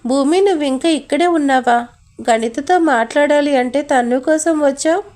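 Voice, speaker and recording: A woman's voice: sits high, normal speed, a little mellow, natural voice. A woman reading as a teasing cheerful aunt. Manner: light and teasing.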